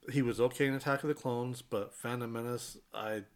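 A man's voice: medium pitch, fairly even intonation, fairly quick. A man co-hosting a casual podcast chat, laid-back and hesitant, often trailing off with ums. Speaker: podcast co-host.

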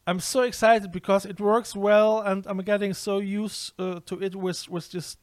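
Hesitant man hosting, higher voice. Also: little pitch movement, moderate pace, no room sound. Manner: hesitant, repeats words, restarts often. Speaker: podcast host. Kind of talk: casual interview over a video call. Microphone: video call.

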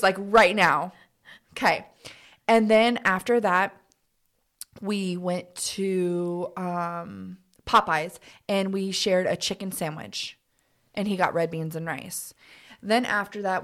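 A young adult woman co-hosting a casual podcast, animated and full of fillers as she chats. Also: low-pitched. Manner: animated, bubbly, lots of fillers. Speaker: podcast co-host. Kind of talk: casual chat.

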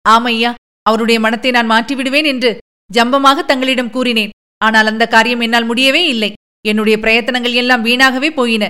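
Sad young princess, fairly high voice, plaintive and teary, woman reading. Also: steady tone, moderate pace, bright, forceful tone, smooth. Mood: anxious. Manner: plaintive, sorrowful pleading. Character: young princess, tearful and fearful.

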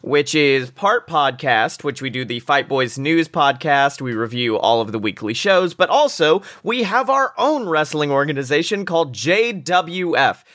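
A man's voice: fairly high pitch, expressive, measured pace, hardly any pauses, fairly bright tone, dry recording, clean studio sound. A man chatting casually as a podcast guest, informal and jokey. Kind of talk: casual interview chat.

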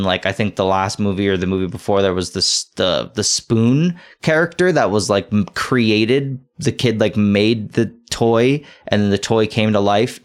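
A young man hosting a podcast, rambling through casual commentary with many fillers and restarts. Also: on the low side. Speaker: podcast host.

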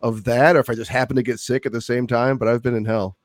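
A man's voice: mid-range voice, level tone, quick pace, dry recording, clean studio sound. A man co-hosting a movie podcast while sick and congested, laid-back and joking. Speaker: podcast co-host. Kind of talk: casual chat.

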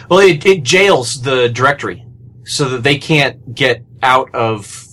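A man's voice: medium pitch, takes it slowly, slight background noise. Gushing man on a podcast. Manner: excited, gushing. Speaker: podcast panelist. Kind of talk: casual podcast chat.

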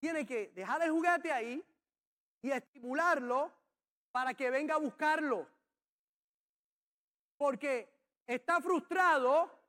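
A man preaching a sermon, emphatic and sometimes shouting key phrases. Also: extremely high pitch. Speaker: pastor.

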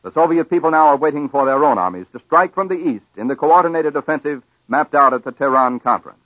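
An American man reading wartime news bulletins in a formal, measured 1940s radio newsreel manner, on an old broadcast recording. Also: a little high, lively intonation, a bit bright, dry recording, lo-fi sound. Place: radio news studio, dry sound.

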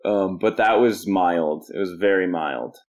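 Very low male voice, canadian guy, young adult, lively anecdote teller, chuckles a lot. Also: measured pace. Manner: animated storyteller, laughs often, jumps into quoted voices. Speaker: podcast guest. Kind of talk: casual storytelling interview.

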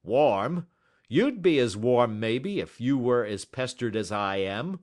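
For an audiobook story, a man voices a belligerent, gruff poultry salesman who talks loud and combative. The character's voice is medium-pitched, sing-song, and slow, pitched above the performer's own.

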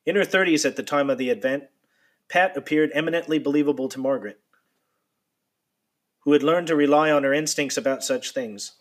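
Man, slightly high voice, measured, steady, nonfiction narration. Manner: measured, steady storytelling delivery. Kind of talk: reading nonfiction narration aloud.

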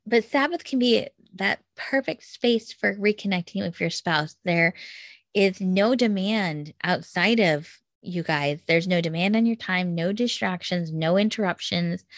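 A woman's voice: lowish voice, gravelly, dry recording, clean studio sound. A woman in her thirties hosting a casual solo advice talk, explaining things step by step in an upbeat, tidy, encouraging way. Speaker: podcast host giving relationship advice. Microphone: close microphone, dry sound.

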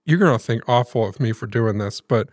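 A man from the American South tells a family anecdote on a podcast. He talks casually and puts on quick impressions of the people in the story. The recording is dry and close-miked, with no room sound. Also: mid-range voice, dry recording. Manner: animated storyteller, acts out quoted voices. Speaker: podcast co-host.

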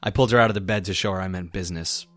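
An actor playing a short-tempered, sarcastic private eye in an audio drama, with a brusque, tough-talking manner. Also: male voice, low voice, rapid-fire, a bit bright, dry recording, faint music behind. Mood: wry. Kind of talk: audio drama acting with first-person narration.

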